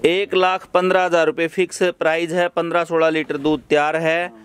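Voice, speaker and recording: A man hosting a walkthrough of a dairy farm outdoors, briskly repeating each answer back to his viewers. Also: fairly high pitch, level tone, a bit bright, clean tone. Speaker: channel host touring a dairy farm. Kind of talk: on-site walkthrough interview. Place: outdoor buffalo farmyard.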